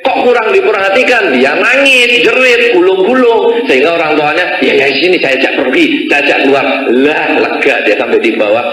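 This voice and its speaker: A man giving a Buddhist sermon, a lively storyteller who acts out voices and sounds. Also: a little high, moderate pace, reverberant, rough recording. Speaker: Buddhist monk giving a dharma talk.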